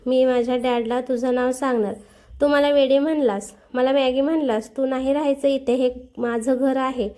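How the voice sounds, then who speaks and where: A woman voicing a stubborn little girl who whines and shouts in tears while telling a story. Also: steady tone, normal speed, lightly acted. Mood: crying. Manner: shrill, whiny shouting.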